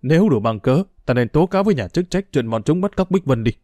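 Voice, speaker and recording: A man's voice: medium pitch, expressive, fast talker, no echo, studio quality, lightly acted. A man voicing an indignant middle-aged villager in an audiobook. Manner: irritated, forceful.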